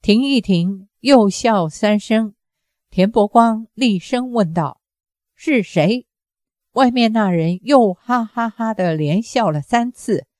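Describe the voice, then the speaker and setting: A woman narrates a novel at a slow, deliberate pace in an even, measured storytelling voice. Her tone is mellow and dark rather than bright. The recording is close and dry, with no room sound. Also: a little high, dry recording. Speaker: audiobook narrator. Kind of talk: novel reading, steady narration.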